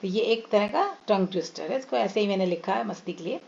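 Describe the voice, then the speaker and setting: A woman with an Indian English accent teaching phonics to children, sounding out each word slowly and mixing Hindi with English. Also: medium pitch, gravelly, darkish tone, highs cut off, a little hiss or hum. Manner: slow, drawn-out teaching voice, sounding out words one by one; mixes Hindi and English, addresses students as children. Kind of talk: online phonics lesson for children.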